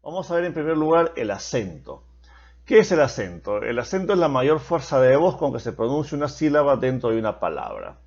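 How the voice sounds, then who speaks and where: A man's voice: mid-range voice, very animated, brisk, darkish tone, lo-fi sound. A man teaching a recorded grammar lesson, patient and explanatory, repeating key points for his students.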